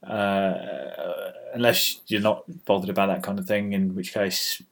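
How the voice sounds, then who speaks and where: A British man with a slightly low voice chats off the cuff as the host of a homemade weather show. He is dry and grumbling, full of mock exasperation. It is recorded on a laptop's built-in microphone. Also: little pitch movement, unhurried, fairly bright tone. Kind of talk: rambling casual solo chat.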